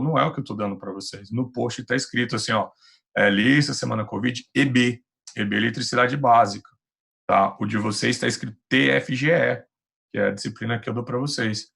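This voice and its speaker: Speaking through a computer microphone, a Brazilian man teaches physics online in a chatty, patient way meant to reassure his students. He has a Brazilian Portuguese accent and a lowish, fairly bright voice with vocal fry.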